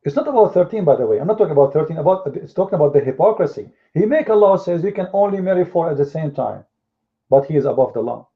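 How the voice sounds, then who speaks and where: Fast and with lively intonation, this man's slightly high voice carries an Arabic accent from his first language. He fires mocking rhetorical questions while arguing heatedly in a live debate, heard through lo-fi, phone-like audio.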